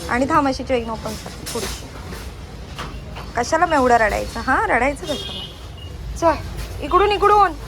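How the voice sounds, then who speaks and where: Young mom filming a shopping trip on her phone, high voice, loud street noise all around, keeps hurrying her kid along. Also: lively intonation, measured pace, long pauses. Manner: coaxing and scolding a small child. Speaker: vlogger and mother. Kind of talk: casual vlog while shopping. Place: busy market outdoors and in a shop. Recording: noisy market background.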